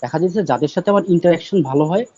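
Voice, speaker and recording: Loud, emphatic man. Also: on the high side, rapid-fire. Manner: loud, emphatic, repeats himself for stress. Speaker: guest poet. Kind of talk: live talk show conversation. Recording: dull, dry lo-fi audio.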